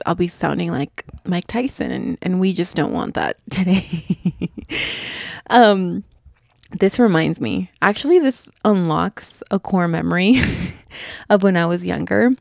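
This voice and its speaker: A young woman from Utah hosts her own solo podcast, chatting casually and rambling with many ums and restarts. Her voice is low-ish, creaky and a little mellow, with a slight lisp on fast S sounds, captured in clean studio sound with no room sound.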